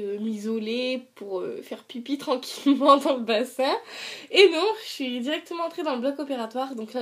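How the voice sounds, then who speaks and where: A young woman vlogger with a high-pitched voice chats casually to the camera, retelling her story in colloquial language full of sarcastic asides and acted-out dialogue.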